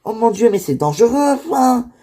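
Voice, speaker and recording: Caring dad, played by a woman, pitched up, mellow and affectionate. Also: very animated, moderate pace. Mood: doting. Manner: chatty, affectionate. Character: fatherly middle-aged dad, caring and teasing. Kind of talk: homemade toy-figure drama.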